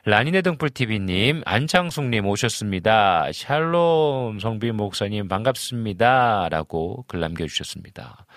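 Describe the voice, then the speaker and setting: A man's voice: fairly low pitch, no echo, studio quality. A man in his forties, a pastor hosting a live stream, reading out viewer comments and chatting casually with many fillers. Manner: chatty, warm greetings, frequent fillers and chuckles.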